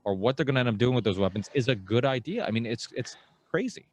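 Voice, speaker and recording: A man in his thirties, a podcast host born in Portugal, talking in an animated, rambling way with mocking asides, on a headset and studio mic in a small home studio. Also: mid-range voice, fast talker, a little hiss or hum. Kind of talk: casual interview chat. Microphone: headset and studio microphone on boom arm.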